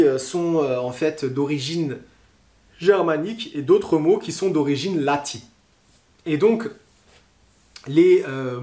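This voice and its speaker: A man with a French accent teaching a pronunciation lesson online, explaining slowly and patiently with frequent hesitations. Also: fairly high pitch, a little mellow, echoey room.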